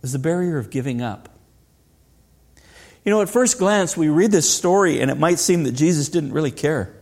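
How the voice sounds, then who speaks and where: A middle-aged male pastor delivers a sermon in an earnest, pressing way. He often poses rhetorical questions to the congregation, and his voice sits a little higher than most men's. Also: expressive, moderate pace, darkish tone.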